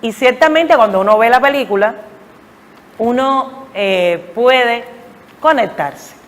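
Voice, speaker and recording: A woman giving a reflective academic talk, explaining deliberately and emphatically with searching pauses. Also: on the high side, animated. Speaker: academic lecturer. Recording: long echoing hall reverb.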